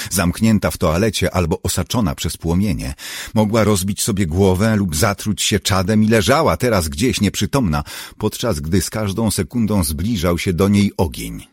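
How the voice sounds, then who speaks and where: A man narrating a novel in an audiobook in a measured storytelling manner. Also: deep voice, breathy edge, dry recording, clean studio sound. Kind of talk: scripted narration.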